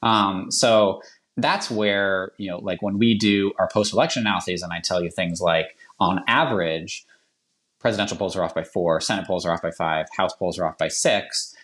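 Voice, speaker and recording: A man with a Boston accent and a deep, low-pitched voice, explaining things on a podcast as a guest. He talks in quick, chatty bursts, full of "um" and "like" and restarts mid-sentence. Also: a bit bright. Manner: rapid, chatty, many fillers and self-corrections. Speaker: polling analyst guest.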